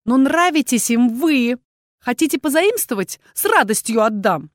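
A woman's voice: a little high, expressive, moderate pace, no echo, clean studio sound, pitched above the performer's own voice, lightly acted. Woman playing a hot-tempered young witch. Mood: indignant. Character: fiery young witch heroine, indignant, quick-tempered.

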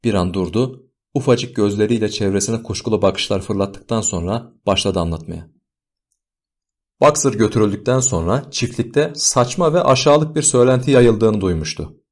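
Low-voiced man narrating an audiobook. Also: moderate pace, a little mellow. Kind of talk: scripted narration.

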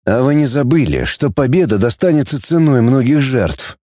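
A man playing a scheming, commanding male supreme coordinator who lays out a plan in a brisk, businesslike way. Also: medium pitch, very animated, mellow, no echo, clean studio sound.

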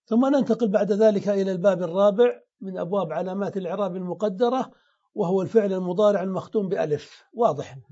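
Higher-voiced man teaching grammar. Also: fast, mellow, dull audio. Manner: explains step by step, asks questions and answers them. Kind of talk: classroom lesson.

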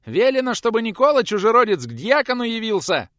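A man voicing a brash, self-important young church servant who shouts his orders. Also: extremely high pitch, sing-song, fairly quick, no room sound, studio quality, voice pushed up, heavily acted. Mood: shrill insistent.

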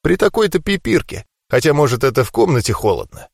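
Lively male audiobook narrator, dry close sound. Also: mid-range voice, quick pace, creaky, no echo. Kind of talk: first-person audiobook narration.

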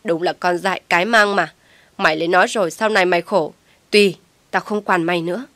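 A woman voicing a furious middle-aged mother who shouts and scolds in a storybook reading. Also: on the low side, fairly quick, no room sound. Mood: angry scolding.

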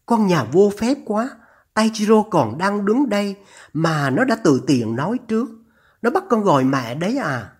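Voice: medium pitch, sing-song, normal speed, a little mellow, husky, voice pushed up. A narrator voicing an anxious older mother on the phone, her trembling voice urgent and scolding as she pleads. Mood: pleading, alarmed.

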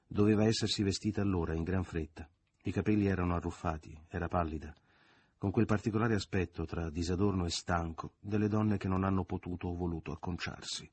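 A man narrates a novel in a low, husky voice, measured and dramatic, sometimes sinking almost to a murmur. The sound is close and dry, with no room around it. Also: a little mellow, no echo. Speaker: audiobook reader.

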